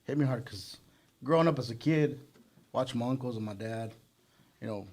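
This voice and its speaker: Earnest man with a medium-pitched voice. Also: moderate pace, darkish tone. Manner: earnest, peppers speech with "you know". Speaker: band member, interview guest. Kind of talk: casual personal storytelling.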